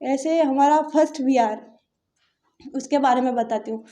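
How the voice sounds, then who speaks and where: A woman's voice: sits high, unhurried, warm tone. A young woman from Rajasthan earnestly recounting a personal story in casual interview talk, acting out her family's words as she goes. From Barmer, Rajasthan, India.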